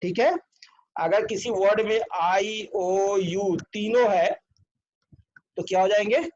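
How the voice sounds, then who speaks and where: A man's voice: high voice, slow, darkish tone, a little hiss or hum. A man teaching an online English grammar lesson, spelling words out letter by letter and often checking whether his students follow. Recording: dull lo-fi recording.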